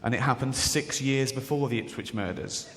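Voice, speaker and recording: A man's voice: mid-range voice, moderate pace, a bit bright. A British man doing a stand-up comedy routine in a large theatre, talking sardonically and often slipping into mocking voices. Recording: live theatre recording with long reverb and audience noise.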